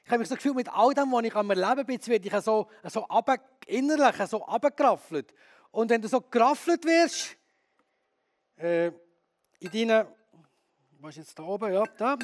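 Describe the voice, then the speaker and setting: A man preaching a sermon as a pastor, lively and candid, who often asks his audience questions. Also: very high-pitched, moderate pace.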